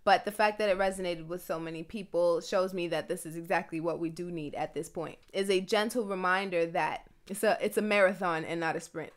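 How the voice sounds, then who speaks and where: A young woman hosting a motivational podcast, speaking in an earnest, encouraging way. She is pregnant and a little short of breath, and she slows down to stress key phrases. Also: lowish voice, steady tone. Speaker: podcast host.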